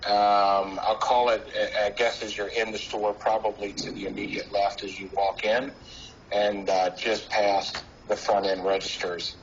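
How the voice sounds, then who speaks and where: Mann am Telefon über Lautsprecher. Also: male voice, lowish voice, level tone, a little slow. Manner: hesitant, many fillers and restarts. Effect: heard over a phone on speaker. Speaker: business representative applying for a license. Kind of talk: formal remarks at a town board meeting. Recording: muffled phone speaker in a meeting room, faint noise.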